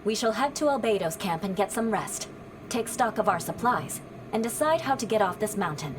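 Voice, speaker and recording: A woman's voice: mid-range voice, animated, normal speed, music in the background, natural voice, poor audio. A woman playing a composed, dutiful young noblewoman knight with a formal, commanding manner in a video game. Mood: decisive. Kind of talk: animated video game voice acting.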